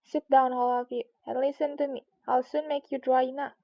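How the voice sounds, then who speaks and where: A woman's voice: high voice, flat delivery, brisk, muffled recording. A woman voicing a self-important, easily crossed mouse with a pompous, commanding manner, reading from a storybook. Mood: bossy.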